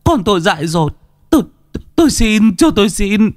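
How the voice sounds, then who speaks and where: A man's voice: medium pitch, big pitch swings, unhurried, dark tone, no echo, faint music behind, pitched above the performer's own voice. A man voicing a frail grey-haired old mother who stammers and begs for her son. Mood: desperate pleading. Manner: stammering, begging, repeating words.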